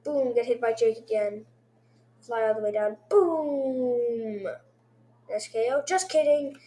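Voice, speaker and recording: A woman casually reviewing episodes one by one, rambling excitedly and throwing in sound effects like boom. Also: moderate pace.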